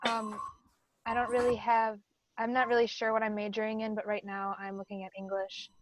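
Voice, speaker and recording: A young woman from Michigan, an incoming student, introducing herself very quietly and hesitantly over a video call. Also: mid-range voice, flat delivery, fairly quick, noisy background. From Macomb, Michigan.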